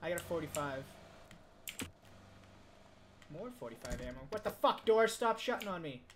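A man's voice: fairly high pitch, fast. A man playing a shooter game with a friend, chatting casually, swearing and laughing, muttering to himself while looting. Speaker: game streamer. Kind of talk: casual gaming chat. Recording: steady background noise.

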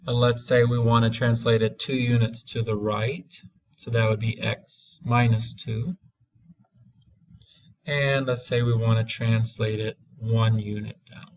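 A man teaching a math lesson, walking through graphs slowly and deliberately, stretching key words for emphasis. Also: medium pitch, flat delivery, lo-fi sound.

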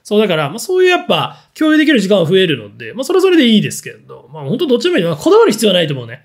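A man with a high, animated voice runs a casual solo chat, answering listener questions. His pitch swings widely as he rambles bluntly, full of fillers and quick asides. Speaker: fashion talk show host.

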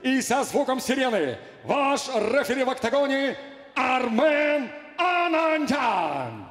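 An older man working as a ring announcer, formally and theatrically announcing a fight with drawn-out shouts. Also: very high voice, very animated. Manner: grand, theatrical, building to shouts. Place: cage in a large indoor arena. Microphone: handheld microphone. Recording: echoey arena PA with long reverb.

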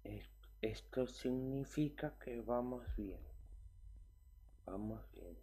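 A young man, an uneasy horror game streamer muttering short, halting remarks to himself as he plays. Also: mid-range voice, dark tone, slight background noise. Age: young adult. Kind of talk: casual gameplay commentary.

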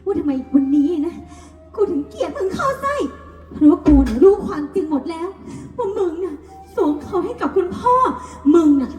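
A woman playing a spiteful young daughter who shouts insults while sobbing on a live folk stage. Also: extremely high pitch, very animated, fast, hardly any pauses. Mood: furious, sobbing. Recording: echoey live stage, music behind.

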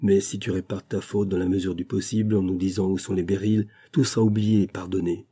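A man reading aloud plays an outraged middle-aged banker father who shouts accusations at his son. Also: low-pitched, little pitch movement, brisk, slightly rough.

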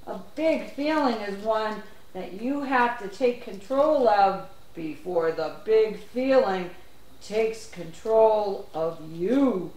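Someone doing a slow, patient puppet teacher. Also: mid-range voice, animated, echoey room, far from the mic, rough recording. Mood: explaining. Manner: slow, gentle, explains step by step. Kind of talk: children's puppet show.

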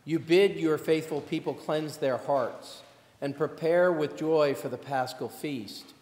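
A man leading a church liturgy as priest, speaking in a measured, formal way, with a cathedral echo around his voice. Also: a little high, darkish tone. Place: large church. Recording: echoey church hall with long reverb and faint ambience.

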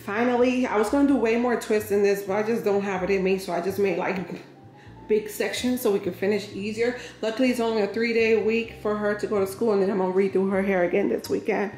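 A woman's voice: medium pitch, steady tone, fast talker, slight background noise. Woman, 30s, home vlogger, casual and laughing, echoey kitchen. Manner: chatty, laughs often, says y'all and girl. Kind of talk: casual vlog chat to camera. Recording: echoey kitchen with soft music.

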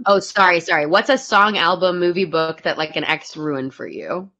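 A woman's voice: lowish voice, moderate pace, sharp tone. A woman moderating a casual comedy panel, laughing often and talking with many fillers. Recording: dull lo-fi audio.

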